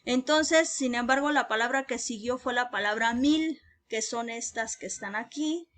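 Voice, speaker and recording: A woman teaching an English class, explaining patiently and repeating each number clearly for learners, with emphatic drills on the English words. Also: a little high, normal speed, fairly bright tone.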